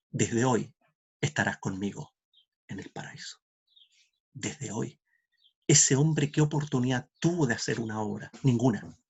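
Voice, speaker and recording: A man preaching with a gravelly, slightly husky voice, earnest and heartfelt. He often sinks into a soft, hushed tone and briefly acts out the people in his story. The delivery has the steady cadence of a sermon from the pulpit. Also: medium pitch. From Chile. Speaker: pastor.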